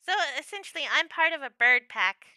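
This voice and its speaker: A woman's voice: high-pitched, expressive, brisk, bright, forceful tone, no room sound, clean studio sound. A young adult woman chatting casually with viewers on her livestream, playful and laughing often.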